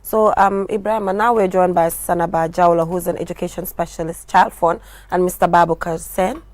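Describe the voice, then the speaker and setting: A woman's voice: on the low side, fairly even intonation, brisk, a little mellow, no echo. A woman presenting a morning television show in a conversational interviewing style.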